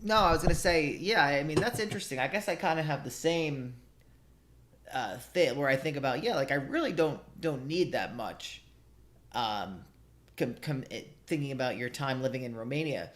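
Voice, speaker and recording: A man's voice: mid-range voice, animated, normal speed, a bit bright. A man in a casual conversation, hesitant and restarting often as he thinks aloud.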